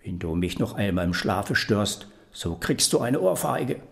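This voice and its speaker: A man doing a gruff, grumpy devil. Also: lowish voice, big pitch swings, a little slow, heavily acted. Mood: threatening.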